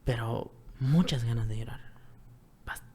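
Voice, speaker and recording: A Mexican man, a guest on a talk show, recounts his own experience in plain conversational Spanish. His voice sits in an ordinary middle register. He repeats his phrases and often sinks into a hushed, breathy near-whisper. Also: medium pitch, unhurried. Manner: repetitive, earnest retelling, often drops to a soft near-whisper. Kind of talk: personal testimony, conversational storytelling.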